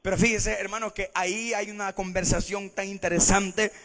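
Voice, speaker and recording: A man's voice: sits high, fairly even intonation, moderate pace, a bit bright, long reverb tail, slight background noise. A Salvadoran man with a Salvadoran Spanish accent, preaching a sermon in church, who keeps calling out to the congregation as brothers and sisters.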